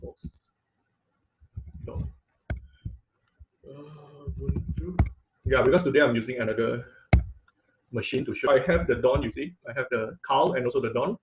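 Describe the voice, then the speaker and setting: Over a computer mic on an online class call, a man teaches a live coding tutorial, frequently stopping and rephrasing mid-sentence. His medium-pitched voice moves at a moderate pace with frequent pauses, against a noisy background.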